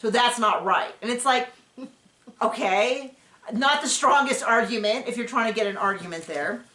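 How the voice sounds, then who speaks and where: A woman's voice: a little high, normal speed, pushed and bright. A woman hosting a show recap in casual, rambling chat, often acting out what others said. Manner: rambling and chatty, acting out quotes. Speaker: podcast host recapping a reality show. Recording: roomy echo.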